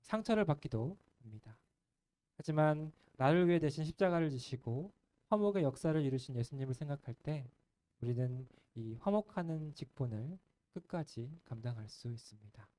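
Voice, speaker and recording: A male pastor preaching a sermon in an earnest, gentle way, letting the ends of his phrases fall soft. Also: a little high, lively intonation, moderate pace. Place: church sanctuary.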